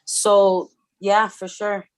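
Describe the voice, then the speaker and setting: Woman, casual spiritual chat, emphatic, repeats phrases, mid pitch. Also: level tone, extremely slow, no room sound. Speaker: spiritual show co-host. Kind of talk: casual chat, live reading session.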